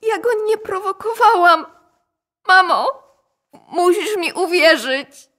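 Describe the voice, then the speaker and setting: An actress playing a frightened, bitter young daughter in a radio drama, her confession halting and shaky. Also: high-pitched.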